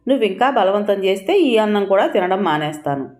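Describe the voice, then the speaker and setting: A woman's voice: medium pitch, lively intonation, fairly quick, darkish tone, pitched above the performer's own voice, natural voice. A woman doing a frail, stubborn old mother-in-law. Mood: firm. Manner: firm, commanding, self-denying.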